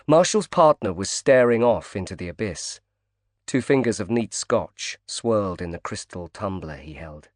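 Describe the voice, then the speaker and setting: A man's voice: on the low side, lively intonation, moderate pace, no echo, studio quality. Man reading a thriller audiobook. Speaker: audiobook narrator. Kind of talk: scripted narration.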